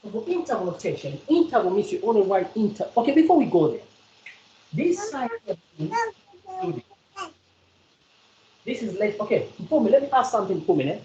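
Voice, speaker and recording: A woman's voice: medium pitch, sing-song, racing, hardly any pauses, dark tone, echoey room, muffled recording, slight background noise. A South African woman tutoring a student in maths one on one, repeating points and quizzing the student as she explains. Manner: repetitive, coaxing, quizzes the student.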